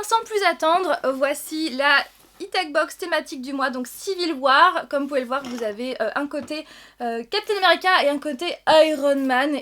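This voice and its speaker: Bright, high-voiced woman unboxing. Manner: gushing, chatty, repeats praise words. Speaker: vlogger. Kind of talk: casual unboxing vlog.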